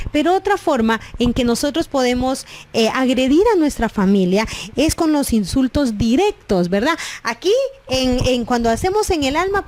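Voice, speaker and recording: High-voiced woman preaching. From Guatemala. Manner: constant "¿verdad?" tag questions, preachy. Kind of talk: sermon.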